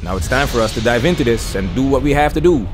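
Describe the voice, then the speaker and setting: A man's voice: mid-range voice, expressive, fast talker, loud music behind the voice. A man hosting an opinion news commentary show, talking through clips and reacting to them. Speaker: host of a commentary channel.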